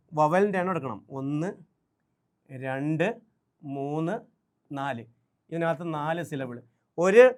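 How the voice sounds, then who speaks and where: A man with a Malayali accent teaching an exam revision class online, spelling words out letter by letter and pushing through quickly. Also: on the high side. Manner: brisk, drills spellings letter by letter, urges students to write things down. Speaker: exam-prep English teacher.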